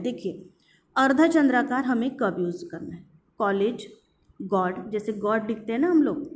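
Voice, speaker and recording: A woman teacher giving an online grammar lesson, explaining slowly and repeating her examples, with English words mixed into her Hindi. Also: fairly high pitch, dark tone, slight background noise.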